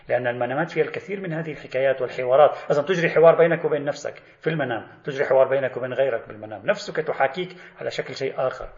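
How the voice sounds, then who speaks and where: A male lecturer, giving an animated spoken lesson on religious thought and acting out imagined questions to the theorist he discusses. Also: mid-range voice, creaky. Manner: animated, voices imagined exchanges and asks rhetorical questions. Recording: echoey, slightly dull lecture recording.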